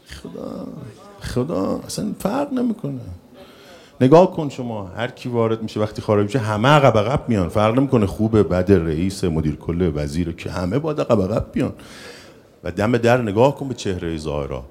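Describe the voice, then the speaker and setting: A man giving an emotional religious storytelling talk to young people, swinging from loud emphatic lines to soft hushed ones. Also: on the low side, lively intonation. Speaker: religious speaker.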